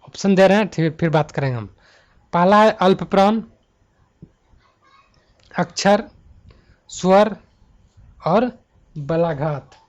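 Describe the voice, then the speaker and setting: A man teaching a Hindi grammar exam-prep lesson, talking students through multiple-choice answers and slowing down to list letters one by one. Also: sits high, animated. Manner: slows to spell out letter lists one by one.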